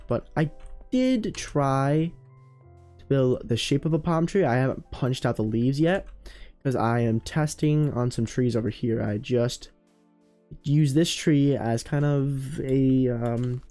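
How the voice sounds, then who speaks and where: A man's voice: mid-range voice, vocal fry, warm tone. A man hosting a let's play, giving casual commentary as he builds and thinking aloud, often trailing off, restarting and correcting himself. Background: faint background music.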